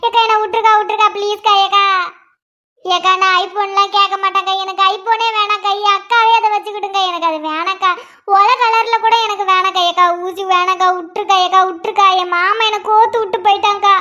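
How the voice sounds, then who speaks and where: A woman's voice: very high voice, fairly even intonation, brisk, pushed and bright. A woman doing a whiny, needle-terrified young woman. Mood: pleading. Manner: pleading, wailing, repetitive begging.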